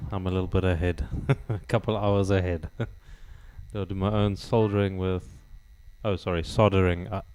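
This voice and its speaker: A man's voice: low-pitched, a little mellow, slight background noise. A man chatting casually with livestream viewers, laughing often, on a studio microphone at home. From South Africa. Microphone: studio dynamic microphone.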